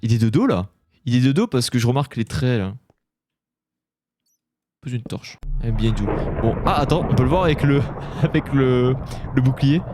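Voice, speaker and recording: A man giving loud, jumpy commentary while playing a horror Minecraft mod, yelping when startled and swearing at the monsters. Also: mid-range voice, expressive, normal speed, pauses often. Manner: talks to the game monsters. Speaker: gaming YouTuber. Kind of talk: live Minecraft let's-play commentary.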